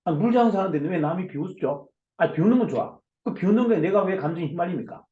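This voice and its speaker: A man, a company CEO, giving a forceful motivational lecture over a video call, loud and emphatic, firing off rhetorical questions. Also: sits high, animated, fast, echoey room, phone-quality sound. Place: online video session.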